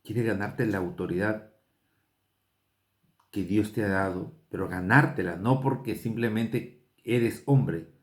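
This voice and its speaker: A man from Peru preaching a sermon, earnest and unhurried, with rising emphatic bursts. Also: lowish voice, reverberant. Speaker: pastor.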